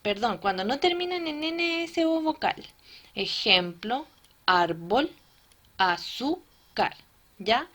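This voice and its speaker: In a recorded classroom lesson, a woman teacher explains the material step by step, often checking understanding with tag questions. Her voice is on the high side and a bit bright.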